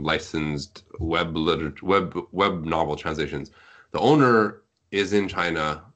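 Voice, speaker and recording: A web novel translator appears as a podcast guest, chatting casually and explaining things talkatively. He has a bass voice with a fairly bright tone.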